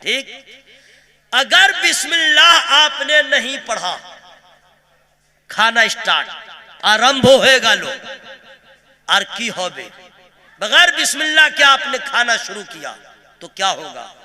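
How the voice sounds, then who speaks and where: A male preacher from Kolkata giving a humorous sermon, teasing the audience and chanting verses in a slow melody. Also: very high-pitched, big pitch swings, bright, forceful tone. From Kolkata, India. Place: religious gathering with a pulpit.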